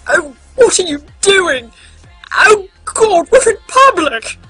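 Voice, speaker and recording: Woman plays nervous young vampire guy, breathy, bright, dry close mic. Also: fairly low pitch, sing-song, a little slow, dry recording, faint music behind, full character voice. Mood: panicked. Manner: flustered, awkward. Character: Conrad, anxious young man turned vampire. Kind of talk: fan audio drama.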